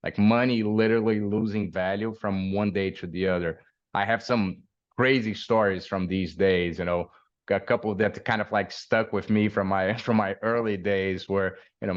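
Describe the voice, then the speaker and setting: A man from Brazil, in his forties, talks as a guest in a low voice. He circles through his stories with fillers and restarts and laughs now and then. The recording sounds dull and lo-fi. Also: fairly even intonation, normal speed. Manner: hesitant, many fillers and restarts, laughs while telling stories. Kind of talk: interview storytelling.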